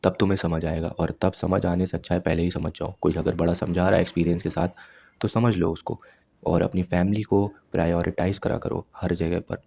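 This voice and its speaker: A young man in his twenties speaks low and flat, his voice gravelly and dark. He lectures his viewers directly, handing out blunt self-improvement advice one point at a time. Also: fairly quick. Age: 20s. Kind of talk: advice monologue to camera.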